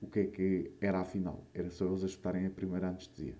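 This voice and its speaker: A young man with a European Portuguese accent and a slightly low, very dark, mellow voice. He rambles through personal stories like a solo host, in loose, sweary slang. His mouth is a little swollen after having wisdom teeth out. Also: little pitch movement, racing, a little hiss or hum. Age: young adult. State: mouth still a bit swollen after wisdom tooth removal. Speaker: podcast or vlog host. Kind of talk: casual solo chat, rambling anecdotes.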